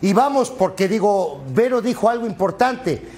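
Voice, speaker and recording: A man analysing a football lineup on a sports panel, explaining step by step and checking in with quick tag questions. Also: sits high, animated, darkish tone.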